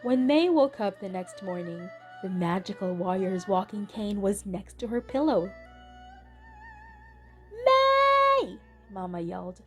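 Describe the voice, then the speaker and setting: A woman reading a children's picture book aloud in a gentle, deliberate way. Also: medium pitch. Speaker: storybook reader. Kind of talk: children's read-aloud narration. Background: soft instrumental music.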